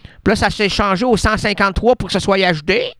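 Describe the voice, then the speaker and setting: A man's voice: brisk, bright, forceful tone, dry recording, clean studio sound. A man with a Québécois French accent, hosting a radio show and delivering a rambling, absurd comic monologue full of wordplay. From Quebec. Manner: rambling, absurd wordplay, playful with sudden pitch jumps. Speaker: radio host.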